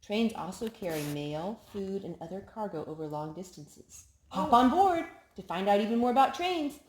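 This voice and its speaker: A slight hiss or hum runs under this recording of a woman reading picture books to young children at a moderate pace. Her mid-range voice is animated as she highlights key words and asks the children questions.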